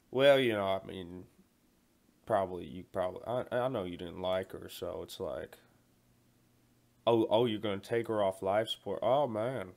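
A man's voice: lowish voice, gravelly, a little mellow. A man playing a callous 40-year-old male night security guard who stammers, repeats himself and rambles in slangy talk during a comedy phone-call monologue. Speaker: comedy skit performer.

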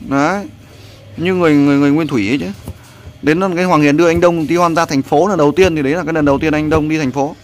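Cooking outdoors with a friend, this man narrates his vlog loosely and gives instructions, coaching as he goes and repeating "there" a lot. He talks at a racing pace in a fairly high, steady voice, over slight background noise.

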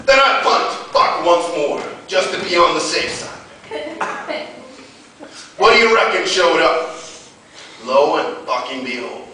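A man, a poet giving a live poetry reading, declaiming loudly and brashly with crude, deadpan punchlines. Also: high voice, heavy background noise. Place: festival venue in front of an audience. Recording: very echoey hall, voice picked up from far off.

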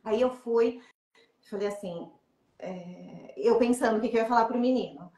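A woman from Brazil with a Brazilian Portuguese accent, hosting an interview and telling stories in a lively way with frequent laughter. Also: fairly high pitch, normal speed. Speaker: interview host. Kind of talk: casual interview and storytelling. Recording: echoey room.

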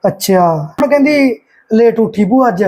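A man's voice: very high-pitched, expressive, moderate pace, a little mellow. A young man acting an easygoing, resigned nephew in a village short drama, mild and conciliatory, with a Malwa Punjabi accent. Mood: casual. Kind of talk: amateur short-film acting.

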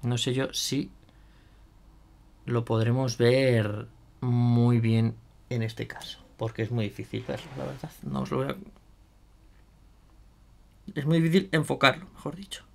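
A man's voice: mid-range voice, steady tone, a little slow, gravelly, long pauses. A man chatting casually through a hands-on product demo, thinking aloud with fillers and asides to viewers. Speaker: miniature painting youtuber.

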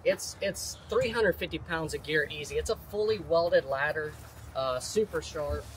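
A man's voice: fairly high pitch, lively intonation, moderate pace, slight background noise, rough recording. A man in his thirties explaining product features outdoors in a confident, detailed sales manner. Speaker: manufacturer representative. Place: outdoors at a vehicle lot.

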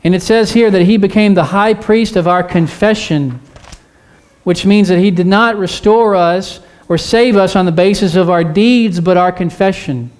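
A man's voice: high voice, moderate pace, a little mellow. A male pastor preaching a sermon in a church, urging listeners with repeated phrases and questions to the congregation. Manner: earnest, repetitive exhortation with rhetorical questions.

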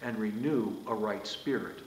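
A man's voice: lowish voice, a little slow. Older male priest preaching in an echoey church. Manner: animated gestures, rising and falling emphasis. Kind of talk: sermon. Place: small church sanctuary, indoors. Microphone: far camera.

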